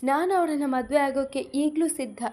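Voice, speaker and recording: A woman reading an audiobook story, voicing a humble young orphan woman who speaks softly and pleadingly. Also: high voice, moderate pace, close to an everyday voice. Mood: tearful.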